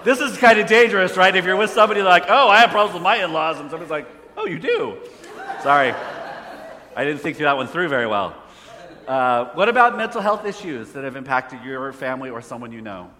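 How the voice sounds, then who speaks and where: Preaching in a conversational style, a man quizzes his listeners, his voice on the high side and pushed bright. The hall's reverb makes it echoey, and a phone hotspot runs the slides.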